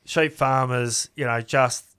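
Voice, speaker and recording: A man's voice: mid-range voice, steady tone, slow, a bit bright, smooth. Chatty Australian man telling a story. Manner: chatty, acts out both sides of remembered conversations. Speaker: podcast guest, custom car builder. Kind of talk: casual storytelling.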